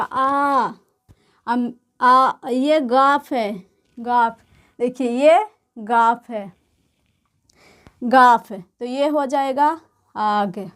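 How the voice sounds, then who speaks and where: A woman teaching beginners to read and write, explaining patiently and repeating each word and letter slowly. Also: sits high. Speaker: Urdu teacher. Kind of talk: slow explanatory lesson.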